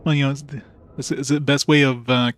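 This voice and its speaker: A man's voice: mid-range voice, little pitch movement, brisk. A man giving casual, offhand let's-play commentary, thinking aloud and swearing freely as he plays. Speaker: game streamer. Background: game music.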